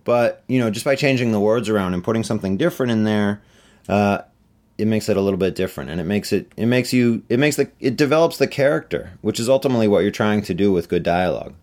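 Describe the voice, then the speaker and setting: A man's voice: on the low side, quick pace. Chatty middle-aged male author. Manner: relaxed, chatty, many fillers. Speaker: author on book tour. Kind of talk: casual interview answers.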